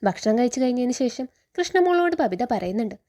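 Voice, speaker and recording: A woman's voice: on the high side, sing-song, fast talker, mellow. A woman with a Kerala Malayalam accent, retelling a TV serial episode in a chatty storytelling way, tagging friendly particles onto her sentences. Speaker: serial story recap narrator.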